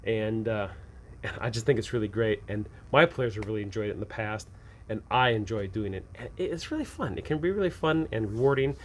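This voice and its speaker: A man hosts an informal video giving game masters advice on running tabletop games, speaking conversationally and emphatically and repeating his points often. His voice is medium-pitched, with a little hiss or hum present.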